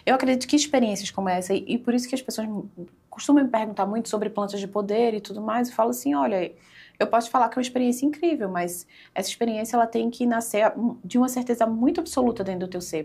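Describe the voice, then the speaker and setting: A woman's voice: on the high side, vocal fry, husky. A woman speaking as a podcast guest, telling an emotional spiritual story in casual conversation, with many fillers.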